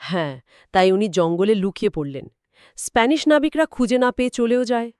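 A woman co-hosts a scripted history talk, her voice smooth and resonant and a little high. She is recorded close and dry. She fills in story details and answers her partner with short agreements. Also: expressive, fast talker, darkish tone, no echo. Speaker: co-host. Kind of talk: scripted two-host history chat.

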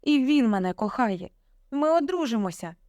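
Brief: woman doing a young storybook daughter, tearful but defiant, higher voice, dry sound. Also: animated, normal speed, darkish tone, no room sound, lightly acted. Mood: pleading. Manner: pleading then defiant, emotional.

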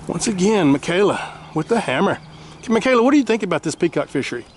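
A man working as a fishing guide, coaching and cheering his clients from the boat in an excited, repetitive way. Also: sits high, a little fast, gravelly. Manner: enthusiastic, cheering, repeats praise. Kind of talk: excited on-the-water coaching commentary. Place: outdoors on a small fishing boat in a canal. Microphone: action camera mounted on the boat. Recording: outdoor wind and water noise.

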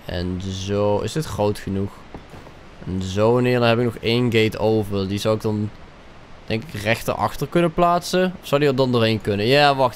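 A young man with a Dutch accent, commentating his own gameplay, excitable, swearing and dropping English slang into his talk. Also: medium pitch, a little hiss or hum. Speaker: gaming YouTuber.

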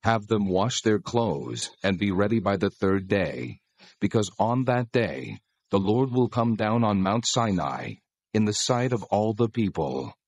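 An actor playing God as a solemn, commanding lawgiver in dramatized scripture, speaking in a measured, authoritative way with a husky voice. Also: male voice, fairly low pitch, expressive, no echo, dull audio.

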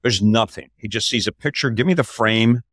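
This is an older male podcast host chatting informally on a video call from a home office while telling a story, pitch climbing as he grows excited. His voice sits lowish and moves a little fast, and the recording is clean studio sound with no echo.

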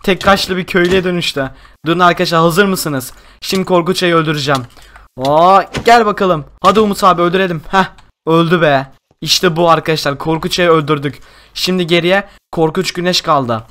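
Young guy hosting a minecraft role-play, highish voice, gets really excited. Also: fairly quick, a little hiss or hum. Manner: excitable, exclamatory. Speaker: gaming YouTuber host.

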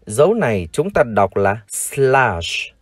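A Vietnamese man teaching English, who reads each word slowly and repeats it for learners to copy. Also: mid-range voice, big pitch swings, no room sound, clean studio sound. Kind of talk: vocabulary lesson, slow model pronunciations.

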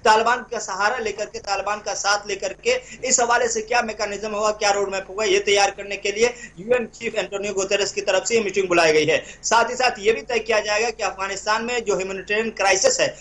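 A young man giving live news analysis over a remote link as a correspondent, halting and repeating words. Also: sits high, steady tone, a bit bright.

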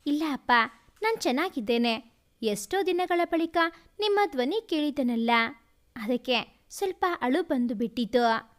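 A woman voicing a young wife who speaks quickly and softly through tears. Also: sits high, animated. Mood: tearful. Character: young wife, tearful and guarded.

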